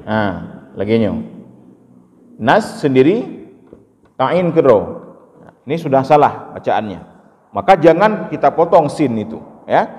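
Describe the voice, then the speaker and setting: A man teaching a class how to pronounce each word of a recitation correctly. He patiently explains each sound, then chants the word slowly as a model. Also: medium pitch, big pitch swings, darkish tone. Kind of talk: step-by-step recitation lesson. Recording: long hall reverb.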